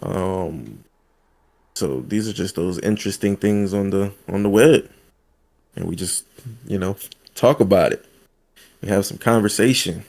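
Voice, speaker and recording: A man's voice: deep voice, a little slow, creaky, pauses often, a little mellow. A man co-hosting a podcast in casual chat, talking emphatically with repetition and loose slang. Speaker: podcast co-host.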